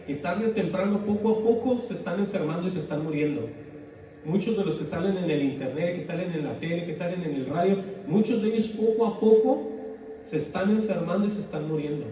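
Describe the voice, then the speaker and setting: A man's voice: fairly high pitch, warm tone, a little hiss or hum. A man, preaching a sermon, reading scripture aloud and explaining it in an earnest, conversational way. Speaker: pastor. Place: church hall. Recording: very echoey room, voice from far off.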